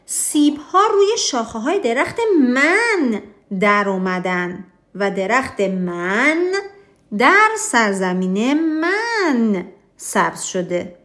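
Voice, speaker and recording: A woman's voice: sits high, big pitch swings, fairly bright tone, pitched above the performer's own voice. A woman doing a defiant rival storybook king. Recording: roomy echo.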